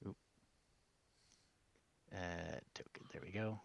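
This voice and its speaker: A man running a tabletop game as game master, narrating casually and haltingly on a slightly muffled mic. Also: low voice, steady tone, gravelly, no echo.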